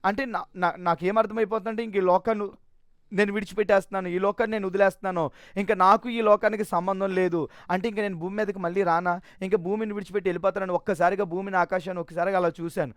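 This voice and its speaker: Man, rapid talker, personal testimony, emotional and earnest, frequent restarts. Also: sits high, steady tone, no echo, studio quality. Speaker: preacher giving his testimony.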